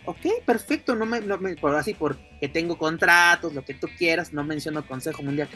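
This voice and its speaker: Animated Mexican woman hosting a podcast. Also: deep voice, normal speed, faint music behind. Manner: animated, acts out quoted voices. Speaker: podcast host. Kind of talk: casual podcast chat.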